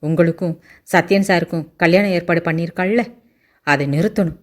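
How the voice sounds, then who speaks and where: A woman's voice: on the low side, brisk, natural voice. Woman voicing a nervous, earnest young man. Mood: pleading. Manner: nervous, pleading, polite. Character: earnest young man pleading for his sister. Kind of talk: audiobook character voice.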